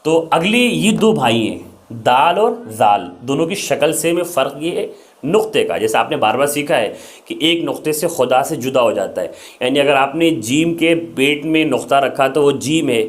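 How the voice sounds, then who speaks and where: A man's voice: medium pitch, animated. A young man teaching the Arabic alphabet in Urdu, patiently explaining each letter and repeating its sound.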